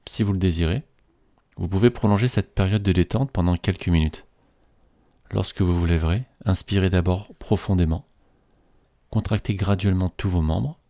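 A man slowly reading a guided relaxation script in a soothing, measured way. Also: low voice, dark tone, dry recording, studio quality.

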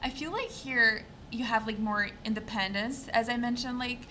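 Young woman from Brazil, bright tense tone, slightly high, casual guest. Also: normal speed, slight background noise. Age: young adult. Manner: relaxed, many "like" fillers. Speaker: international student guest. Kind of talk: casual chat.

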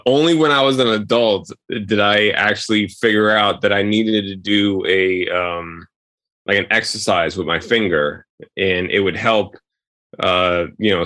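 Slow-talking man. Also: lowish voice, fairly bright tone, no room sound. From Queens, New York. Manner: halting, rambling, pauses mid-sentence. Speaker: interview guest, filmmaker. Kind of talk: casual interview answers.

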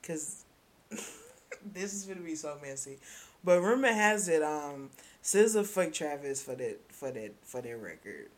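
Excitable woman gossiping on a podcast. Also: low-pitched, measured pace. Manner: excitable, rambling, swings from loud to hushed. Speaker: podcast host. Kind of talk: casual gossip chat.

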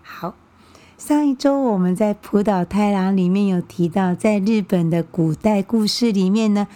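Mellow-voiced woman hosting a language podcast. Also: mid-range voice, normal speed. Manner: friendly and patient, often repeating words for learners. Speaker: podcast host teaching Japanese. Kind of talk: casual explanatory podcast talk.

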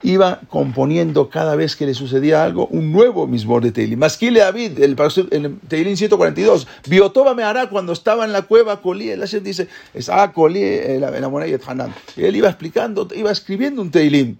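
A man teaching a Torah class, retelling the story in a lively way and acting out the characters' voices. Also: a little high, brisk, vocal fry, hardly any pauses. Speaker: religious teacher.

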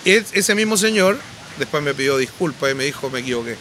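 A man's voice: fairly high pitch, brisk, a little hiss or hum. Man telling band stories. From Chile. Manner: animated anecdotes, frequent restarts. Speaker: podcast guest, musician. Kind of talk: casual storytelling.

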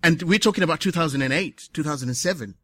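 A man speaking at a conference, short of breath, earnest and reflective, pausing to correct himself. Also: fairly high pitch, dry recording, studio quality. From Zimbabwe. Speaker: conference speaker, patient advocate. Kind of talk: conference speech. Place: conference hall.

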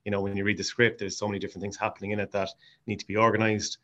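Hailing from County Mayo, a man with a west of Ireland accent is interviewed about his hobby of acting in an amateur drama society, keeping it casual. His low voice sounds pushed and bright, with little pitch movement, and he races along.

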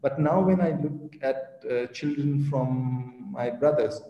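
A man's voice: mid-range voice, slow, muffled recording. A man from India, a podcast guest, talking hesitantly with many fillers and restarts. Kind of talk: conversational interview. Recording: echoey room with long reverb.

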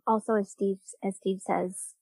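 A woman's voice: medium pitch, little pitch movement, a little slow, vocal fry, warm tone, breathy edge, no echo. A woman in a casual group podcast discussion who responds in a thoughtful, slightly hesitant way. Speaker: podcast participant.

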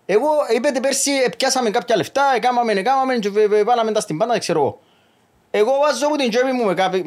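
A middle-aged man with a Cypriot Greek accent talking as a podcast guest in casual chat, animated and restless. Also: sits high. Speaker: guest, club official.

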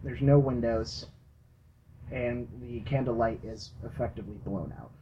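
A game master narrating a tabletop role-playing game for a podcast, in slow, halting speech full of fillers. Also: mid-range voice, lo-fi sound, a little hiss or hum.

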